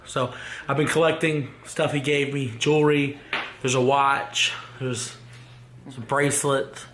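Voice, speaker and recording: A young man speaking on his vlog in a halting, emotional way, fighting back tears. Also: mid-range voice, little pitch movement, background noise. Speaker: vlogger. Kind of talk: grieving personal vlog. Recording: roomy echo with faint ambience.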